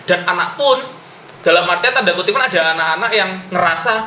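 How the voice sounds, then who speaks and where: Man, interview host, casual chat, somewhat high pitch, faint room noise. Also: quick pace, pushed and bright. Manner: summarizing and prompting the guest. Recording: echoey room.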